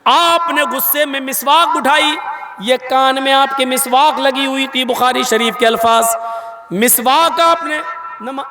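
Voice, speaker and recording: A man delivering a sermon, telling stories dramatically and rising to shouts for emphasis. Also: extremely high pitch. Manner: dramatic storytelling, voices the people in his stories. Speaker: preacher. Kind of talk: Urdu sermon. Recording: echoey hall sound system.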